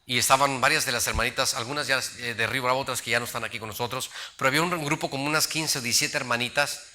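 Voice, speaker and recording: Middle-aged preacher with a very bright tone, animated storyteller. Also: male voice, medium pitch, rapid-fire. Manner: storytelling preacher, acts out voices in his anecdotes. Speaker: pastor. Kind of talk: sermon.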